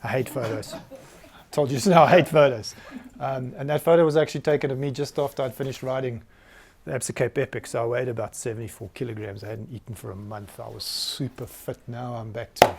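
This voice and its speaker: A man's voice: medium pitch, steady tone, a little fast, vocal fry, breathy edge. A South African man in his forties, giving a candid, self-deprecating talk to a live audience in a meeting room. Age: 40s. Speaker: business founder giving a talk.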